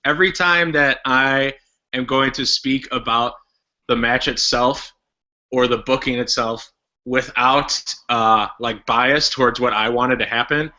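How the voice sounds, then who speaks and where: A male podcast panelist discusses wrestling casually, halting and circling back as he explains himself. His voice is very bright and forceful, captured on slightly dull, lo-fi audio. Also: medium pitch, steady tone.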